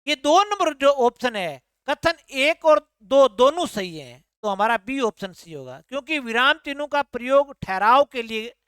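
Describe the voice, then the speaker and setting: A woman tutor goes through exam answers one by one, asking a question and then answering it herself. Her voice sits a little high and comes across smooth and clear. The recording is dry and close, with no room sound. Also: very animated, normal speed, hardly any pauses, fairly bright tone, dry recording. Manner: explanatory, repeats answers as questions. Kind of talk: explaining exam answer key.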